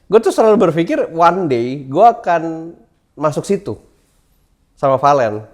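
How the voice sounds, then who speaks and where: A man from Indonesia, a guest on a chat show, talking casually and jumping into high put-on voices when he retells a story. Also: sing-song, a little slow. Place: indoor studio.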